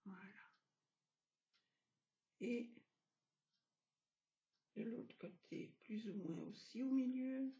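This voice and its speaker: A woman narrating a craft tutorial, explaining each step gently with soft asides. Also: fairly high pitch, slow, gravelly, pauses often, reverberant. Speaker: craft video host. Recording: dull lo-fi home recording.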